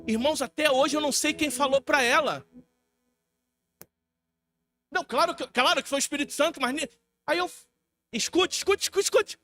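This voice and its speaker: Um pastor brasileiro pregando um testemunho em estilo de sermão numa igreja, contando a história com vivacidade e imitando as vozes de outras pessoas. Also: male voice, very high voice, normal speed, long pauses, slight background noise. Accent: Brazilian Portuguese. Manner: lively storytelling, acts out quoted voices. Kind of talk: sermon testimony. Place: church hall.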